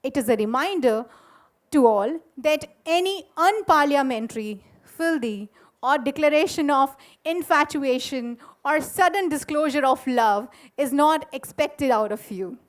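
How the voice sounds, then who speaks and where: A woman giving a measured, earnest formal address to conference delegates in a school auditorium. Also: high voice, expressive.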